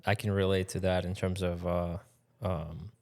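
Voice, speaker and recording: A man with a Russian accent hosts a relaxed interview, his voice sitting deep and low. He thinks aloud, pausing on fillers as he gathers his words. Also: vocal fry. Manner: musing, halting phrasing with frequent fillers. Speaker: podcast host. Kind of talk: casual interview chat.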